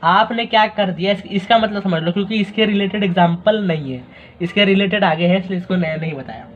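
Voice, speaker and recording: Young male teacher with a Maharashtra accent, high voice, chatty and joking, in a slightly muffled recording with faint hiss. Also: fairly quick. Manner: chatty, joking, addresses students as "bhai". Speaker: accounting teacher. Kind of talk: informal recorded lecture.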